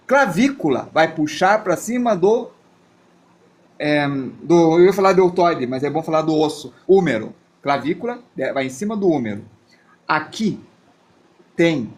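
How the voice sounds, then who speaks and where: A man leads a live drawing class. His voice sits fairly high for a man. He talks in a loose, chatty way and thinks aloud as he draws. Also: expressive, measured pace, a little mellow. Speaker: drawing teacher. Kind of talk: live drawing lesson with chat asides.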